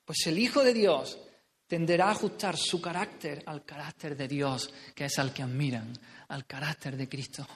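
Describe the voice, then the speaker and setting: A man's voice: a little high, normal speed. A man from preaching a sermon, stressing his points, repeating phrases and asking the congregation questions. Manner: emphatic, repeats phrases, asks rhetorical questions. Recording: reverberant hall sound.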